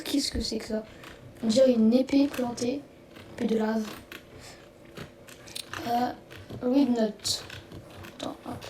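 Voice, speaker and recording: A woman hosting a let's play, giving excitable, rambling commentary and swearing when things go wrong. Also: fairly high pitch. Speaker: gaming video host. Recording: roomy, distant mic, noisy background.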